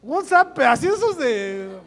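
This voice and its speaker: A man jokes his way through a youth sermon in casual slang. His voice is very high, and a long hall reverb trails behind it. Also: slow. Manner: lively, joking, slangy. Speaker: youth group speaker.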